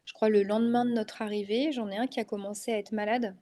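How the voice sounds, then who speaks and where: In a casual interview, a woman guest in her thirties speaks quickly at a medium pitch, her mellow tone fairly even. She has a northern French accent, is a mother of three, and keeps stumbling over fillers and restarts.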